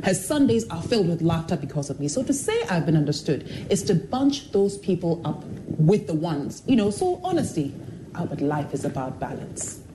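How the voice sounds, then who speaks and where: In a candid interview with a motivational bent, a woman known from television talks at normal speed in a voice on the low side. Her storytelling is animated and expressive, complete with impressions of the people she quotes. There's background noise throughout.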